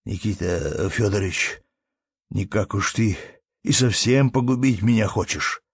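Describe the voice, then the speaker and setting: A man's voice: fairly low pitch, a little slow, slightly rough, no echo, clean studio sound. A man voicing a desperate pleading peasant. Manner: pleading, humble, near tears. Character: poor desperate male peasant, pleading and humble. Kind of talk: audiobook character reading.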